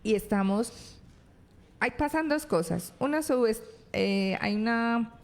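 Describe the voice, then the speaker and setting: A woman's voice: on the high side, lively intonation, a little slow. A woman psychologist with a Colombian Spanish accent, explaining parenting advice as a talk-show guest and often checking in with short questions. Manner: explanatory, acts out child and parent voices, frequent tag questions.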